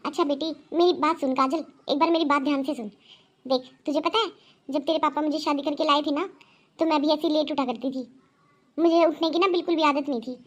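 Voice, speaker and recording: A woman's voice: sits high, steady tone, a little fast, natural voice. A woman voicing a firm middle-aged mother in a cartoon, lecturing her daughter at length. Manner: lecturing, scolding. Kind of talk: cartoon voice acting.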